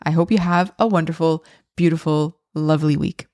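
A woman's voice: sits low, fairly even intonation, moderate pace, darkish tone, dry recording, clean studio sound. A woman in her thirties hosting a solo parenting podcast, talking candidly and reflectively with some restarts. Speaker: podcast host.

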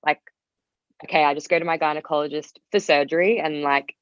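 A deep-voiced Australian woman, steady in tone and a bit quick, chats casually on a podcast as a guest. She uses "like" constantly in her loose phrasing, and the sound is roomy and slightly muffled.

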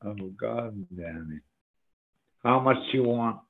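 An older man chatting casually and reminiscing about old friends, slow and profane, heard over a phone or video call. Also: on the low side, creaky. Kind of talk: casual chat. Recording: tinny phone-like line.

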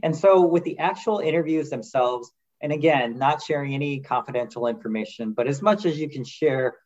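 A man working as a career coach, asking measured, encouraging interview questions. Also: a little high, darkish tone. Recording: dull lo-fi audio.

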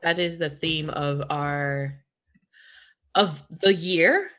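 Low-voiced woman hosting a panel. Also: noisy background. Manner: friendly, halting, mixes in Spanish words. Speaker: host. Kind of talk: moderating a panel conversation.

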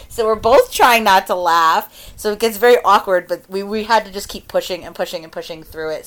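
A woman's voice: lowish voice, fairly bright tone. A woman hosting a podcast, talking candidly about her work and laughing often. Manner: candid, laughs often, frank sexual talk. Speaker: podcast host. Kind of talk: casual chat.

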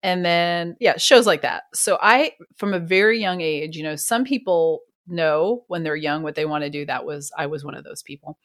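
A middle-aged retired police detective from New York talks candidly and chattily about her career in a casual interview. Her voice sits low for a woman and is a bit bright, at normal speed with few pauses. The recording is dry and close, with no room sound.

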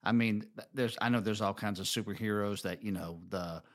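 A man's voice: on the low side, brisk. A middle-aged man with an Alabama accent, co-hosting a casual talk and often rephrasing as he goes. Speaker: co-host of a marriage show.

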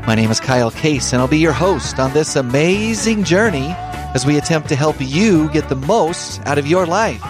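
A man's voice: on the high side, expressive, normal speed, music in the background. A man hosting a studio talk show, cheerfully reading out tips and bantering with his co-host. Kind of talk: upbeat scripted talk show. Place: radio studio. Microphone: studio microphone.

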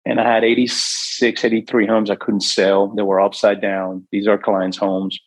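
A man's voice: on the low side, flat delivery, moderate pace, no room sound, poor audio. A middle-aged man from New York, a real estate investor and guest, telling his life story earnestly and acting out the voices in his head. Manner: earnest, acts out his own inner voice. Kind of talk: emotional storytelling.

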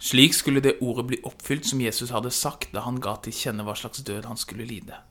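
A man reading scripture aloud as a dramatic narration. His tone is bright and forward, and the delivery measured and expressive. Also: medium pitch. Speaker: scripture reader.

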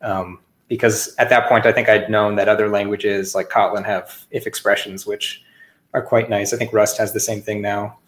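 A man's voice: on the low side, level tone, normal speed. A man hosting a casual interview podcast, recorded in an echoey apartment room that sounds like a big hall. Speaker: podcast host.

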